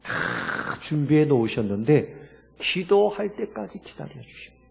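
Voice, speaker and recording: Male pastor, sermon, somewhat high voice, emphatic rhetorical preaching, long church reverb. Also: sing-song, a little slow, creaky, darkish tone.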